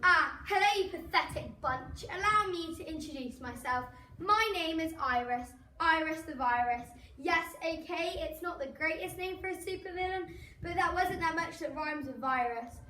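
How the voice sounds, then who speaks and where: A woman's voice: extremely high pitch, moderate pace, pushed and bright, reverberant, a little hiss or hum. A woman voicing a pompous, gloating female supervillain virus who cackles and boasts. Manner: evil cackling, grandiose boasts.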